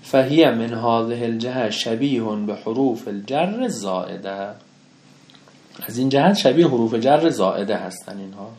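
A male teacher in the middle of a grammar lesson. He puts questions to the class and answers them himself. He slows down to read Arabic phrases before explaining them. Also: medium pitch. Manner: lively explaining, asks and answers his own questions; reads Arabic textbook phrases slowly, then explains them.

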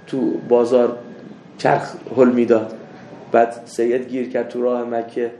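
A man teaching a seminary lesson, mixing anecdotes with doctrine, swinging from loud rebukes to soft asides. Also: fairly high pitch, gravelly, slight background noise. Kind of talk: religious lecture with anecdotes. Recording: echoey room with faint ambience.

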